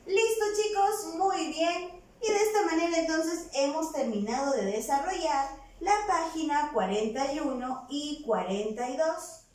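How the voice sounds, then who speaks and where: A woman teaching a virtual primary class, dictating words slowly and patiently, syllable by syllable, recorded away from the mic in a room with echo. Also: high voice, a little mellow, recorded from a distance.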